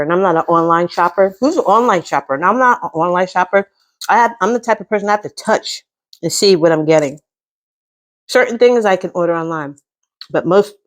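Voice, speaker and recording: A middle-aged American woman with a fairly low voice talks casually to her viewers during a meal. She speaks between bites while eating and savors the food with small mms. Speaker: mukbang host.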